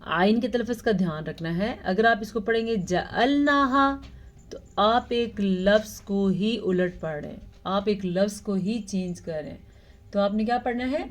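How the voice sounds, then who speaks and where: A woman teaching Quran recitation, explaining pronunciation rules and reciting verses very slowly with drawn-out sounds. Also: medium pitch. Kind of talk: tajweed lesson with slow recitation.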